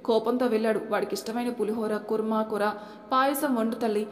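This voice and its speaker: A woman voicing a bossy, thrifty middle-aged mother-in-law in a brisk, commanding way. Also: on the high side, fairly even intonation, natural voice. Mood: doting. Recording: echoey room with long reverb.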